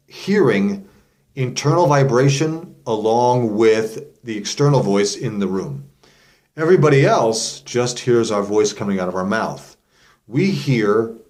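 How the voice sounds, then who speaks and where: Giving an informal lesson to camera, this man works as a vocal coach, walking through each step casually and demonstrating as he goes. His voice is on the low side and a little mellow.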